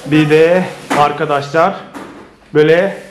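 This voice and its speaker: A man's voice: on the high side, steady tone, a little slow, echoey room, background noise. A man in a casual family vlog, playfully talking to viewers, his kids and their pets. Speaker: father and family vlogger.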